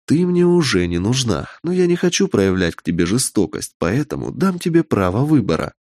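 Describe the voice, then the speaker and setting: A man's voice: medium pitch, very animated, fairly quick, darkish tone, no echo, studio quality. A man voicing an imperious, ambitious witch who speaks coldly and commandingly, in a raised voice. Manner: cold, commanding, menacing.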